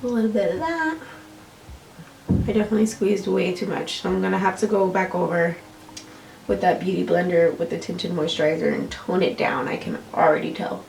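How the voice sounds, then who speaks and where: Her voice here is on the low side, creaky and a little mellow, moving fairly quickly, with a nasal, allergy-congested quality. The young American vlogger chats casually and self-deprecatingly through a makeup tutorial. Faint music plays, and the distant-mic recording has roomy echo plus a little hiss or hum.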